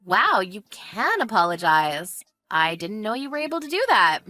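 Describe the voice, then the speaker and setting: In a narrated family drama, a woman voices a fed-up, sarcastic young wife taunting her in-law with a cutting, smug, mocking manner. Her medium-pitched voice is very animated and sharp in tone, at normal speed, with faint music behind.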